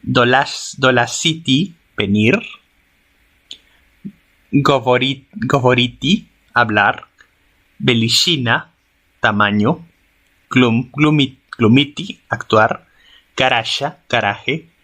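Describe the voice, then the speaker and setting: A man's voice: mid-range voice, slow pace, pauses often, sharp tone. A man reading a grammar text aloud as a lesson, often restarting words and sounding out example words.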